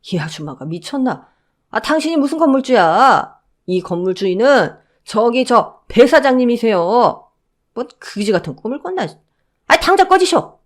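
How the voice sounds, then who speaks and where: A woman's voice: mid-range voice, big pitch swings, normal speed, natural voice. A woman voicing a blunt male security guard who mocks and drawls. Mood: mocking.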